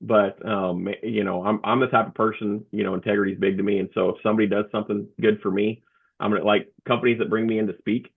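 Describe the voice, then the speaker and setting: Gravelly man on a tinny line. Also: on the low side, level tone. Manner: halting, with frequent restarts and fillers. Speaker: guest, comedian and motivational speaker. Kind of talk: casual interview storytelling. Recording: tinny phone-like remote line.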